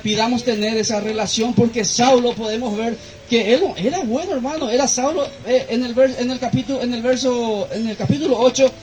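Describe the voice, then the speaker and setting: High-voiced preaching man. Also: brisk, a little mellow, rough recording. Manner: preaching with repeated appeals to the congregation. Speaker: pastor. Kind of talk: sermon.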